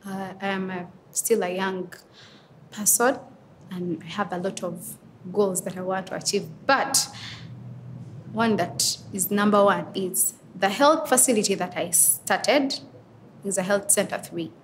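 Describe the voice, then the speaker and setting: A Ugandan woman in her twenties who advocates for women and girls speaks earnestly in an interview. Her medium-pitched answers are reflective, broken by pauses and small fillers as she gathers her thoughts, with a faint hum of background noise behind her.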